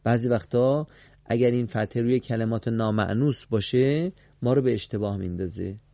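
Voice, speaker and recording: A man leads a Quran recitation class in a radio studio, putting questions to his students and repeating their replies. He talks emphatically, with sharp pitch jumps on key words, in a dark, mellow voice. The sound is dry and a little dull, like a radio broadcast. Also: vocal fry, no echo.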